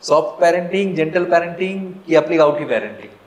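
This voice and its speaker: A man's voice: on the high side, lively intonation, a little fast, a little mellow, roomy sound, low-quality recording. A man hosting a podcast, who talks in a frank, chatty way and tells personal stories while asking his guest questions. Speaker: podcast host. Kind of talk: casual conversational interview.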